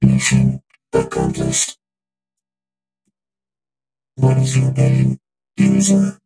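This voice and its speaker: A synthesized robot voice speaking as a cold, mechanical android, with a clipped, monotone machine delivery. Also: medium pitch, very slow, creaky, soft background music. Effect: robot voice filter.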